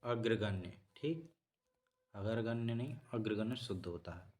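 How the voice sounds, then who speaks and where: Slow, low-voiced male teacher. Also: expressive, a little mellow. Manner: slow, repetitive explaining, self-correcting. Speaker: Hindi teacher. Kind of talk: exam-prep spelling lesson.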